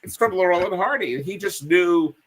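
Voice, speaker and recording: Animated, bright-voiced man telling comedy stories. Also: high-pitched, fairly quick, a little hiss or hum. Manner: animated storyteller, acts out quotes. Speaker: guest. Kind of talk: casual chat.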